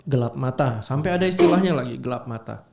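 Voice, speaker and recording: A man's voice: mid-range voice, animated, quick pace, gravelly, darkish tone. A man hosts a podcast discussion in a mid-range voice, leading the panel with questions and drawing out key phrases for emphasis. The room around him sounds noticeably echoey. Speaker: podcast host. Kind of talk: hosting a true-crime discussion.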